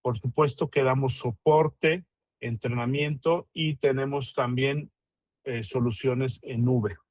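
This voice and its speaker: A man, an IT consultant presenting his firm in a webinar, halting with many fillers. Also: mid-range voice, fairly even intonation, darkish tone, no echo.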